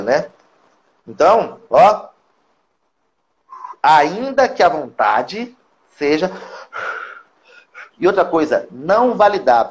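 A Brazilian man speaking as a psychoanalyst guest on a live-stream interview, talking in an animated, coaching way. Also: a little high, muffled recording. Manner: animated, coaching, acts out quotes.

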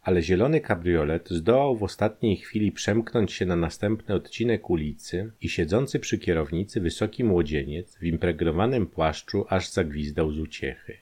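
A man reading a crime novel aloud, with an expressive, lively delivery. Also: normal speed, hardly any pauses. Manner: lively, expressive reading that lifts pitch for quoted speech. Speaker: audiobook narrator. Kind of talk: scripted narration of a crime novel.

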